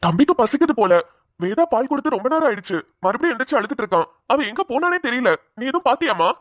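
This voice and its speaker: A woman's voice: a little high, big pitch swings, racing, no echo, studio quality, pitched below the performer's own voice. A woman voicing a worried young father who fusses over a crying baby and frets about where his wife has gone. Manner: anxious, fussing, searching for his wife.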